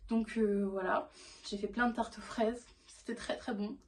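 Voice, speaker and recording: A woman's voice: a little high, fairly even intonation, moderate pace. A young woman vlogging in a casual, chatty way. She rambles and talks enthusiastically, with many fillers and restarts. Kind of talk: casual vlog chat.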